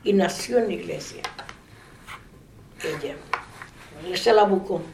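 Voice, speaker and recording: An older woman telling a faith story in a relaxed interview. She laughs often and trails off mid-sentence. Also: fairly low pitch, a little slow, creaky, noisy background. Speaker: interviewee sharing a faith testimony. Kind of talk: casual storytelling. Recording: echoey room.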